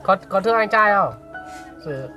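A woman's voice: medium pitch, expressive, moderate pace, sharp tone, faint music behind. Motherly woman giving friendly advice. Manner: motherly advice, ends lines with tag words. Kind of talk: casual chat.

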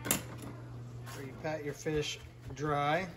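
On a handheld phone in his home kitchen, a man in his forties cooks fish and talks casually for his fishing vlog. His voice is on the high side and he speaks very slowly, relaxed and chatty throughout.

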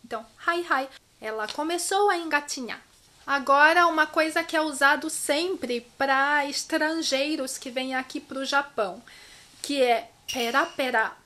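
A Brazilian woman giving a casual language lesson, acting out each sound word with playful, expressive repetition. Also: high voice, unhurried. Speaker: Japanese language teacher and vlogger. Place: her home in Japan.

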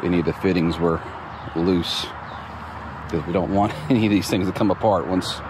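A man with a very deep voice gives a laid-back, no-frills tour of his construction site at a moderate pace, frequently stopping for ums and restarts. He holds a phone camera as he walks outdoors, and steady outdoor noise is clearly heard behind him.

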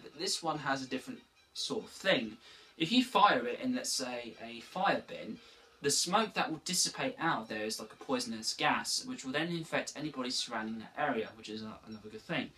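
A man's voice: mid-range voice, sharp tone, far from the mic, rough recording. A man casually recapping a video game in a rambling way, often restarting his sentences. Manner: rambling, with frequent restarts and asides. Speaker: gaming video host.

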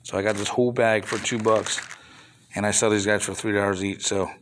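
The recording is very noisy as a man with a low-side voice talks fairly quickly in a level tone. He's a toy reseller filming his flea market finds on a handheld phone indoors at a table of toys, in a casual off-camera show-and-tell vlog. He rambles casually and grumbles mildly along the way.

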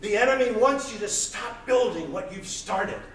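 A man in his thirties preaching a sermon, pacing the stage of a small church with intense, loud delivery. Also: sits high, moderate pace. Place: small church hall, indoors. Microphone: far camera, room mic. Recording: echoey church hall from far off.

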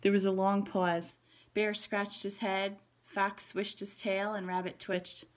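A woman, a pre-K teacher, reading a picture book aloud to children, explaining the pictures gently. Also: medium pitch, little pitch movement, slow.

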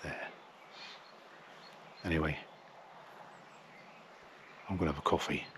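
Middle-aged English man, low and level delivery, casual outdoor vlog, arm's-length camera. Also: fairly even intonation, slow pace, fairly bright tone, slight background noise. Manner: plain, chatty, matter-of-fact. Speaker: wildlife photographer. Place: outdoors in a field by trees.

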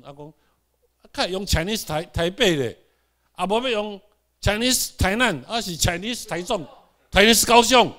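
A man's voice: a little high, a bit bright. Taiwanese man lecturing a class. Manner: rhetorical questions and checks on the audience; has the class repeat words aloud.

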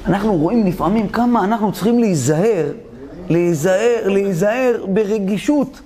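A man's voice: high-pitched, dark tone. A man preaching a sermon as a rabbi, telling a story, acting out its characters and questioning his audience directly.

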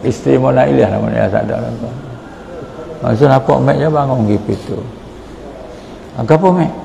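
Gravelly Patani Malay preacher. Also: male voice, medium pitch, brisk, a crowd in the background, rough recording. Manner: storytelling, quotes prayers and dialogue. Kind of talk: morning sermon. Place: mosque hall.

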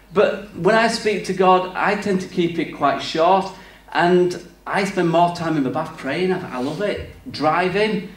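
A Yorkshire man with a fairly high voice preaches an easygoing, frank sermon, poking fun at himself as he goes. He sounds some way off from the mic, and the church space around him rings. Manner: candid, self-deprecating, humorous. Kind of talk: conversational sermon. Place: church hall. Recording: roomy church sound from a distance.

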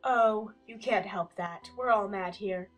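Slow-talking, mad Cheshire Cat played by a woman. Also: medium pitch, muffled recording, faint music behind, close to an everyday voice. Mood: teasing. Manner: teasing, matter-of-fact riddling. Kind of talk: dramatized audiobook acting.

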